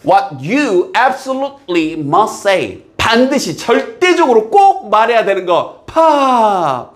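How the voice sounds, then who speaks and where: A man teaching an English exam passage, reading English lines slowly and explaining them in Korean, often checking that students follow. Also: sits high. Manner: lively, drills students with repeated checks.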